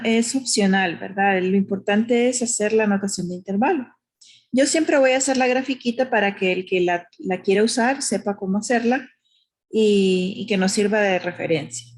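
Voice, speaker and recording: Female math teacher, husky voice, patient, explanatory classroom delivery. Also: on the high side, darkish tone. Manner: patient, explanatory, uses diminutives, asks "¿verdad?". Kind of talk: recorded math lesson.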